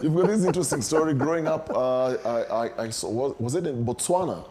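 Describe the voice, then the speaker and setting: A man's voice: mid-range voice, over a noisy crowd. Kenyan man co-hosting a talk show. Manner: reads out a viewer's post deliberately, jokes with guests. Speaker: co-host. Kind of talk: casual talk show chat.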